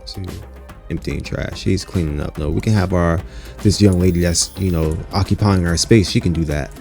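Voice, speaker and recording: Faint music plays behind this gaming channel host, whose dark, gravelly voice sits low and moves at a moderate pace. His gameplay commentary is loose and rambling, sprinkled with "um" and "you know," and he addresses his audience as "you guys."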